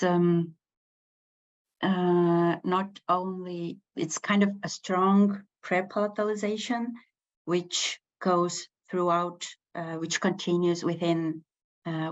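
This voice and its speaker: Slow, hesitant Estonian-accented woman teaching. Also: fairly low pitch, lo-fi sound. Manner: hesitant, many fillers and restarts. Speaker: language teacher. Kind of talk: unscripted online lecture.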